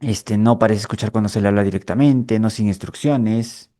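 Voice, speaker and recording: In studio-quality audio free of echo, a lecturer from Peru explains clinical material for a mental health course at a moderate pace. He has a low, warm voice and keeps checking that listeners follow with frequent tags such as "¿ya?".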